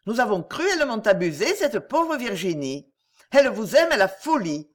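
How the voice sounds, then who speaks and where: A woman's voice: on the high side, big pitch swings, normal speed. A woman reading the lines of an outspoken, fretful female companion in an audiobook. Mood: agitated. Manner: insistent, emotional.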